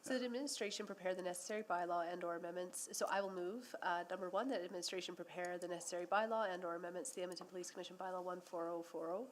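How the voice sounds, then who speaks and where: A woman city councillor with a scratchy, hoarse voice, moving formal motions at a council meeting in a council chamber. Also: fairly low pitch, steady tone. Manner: reads formal motion wording at a brisk clip.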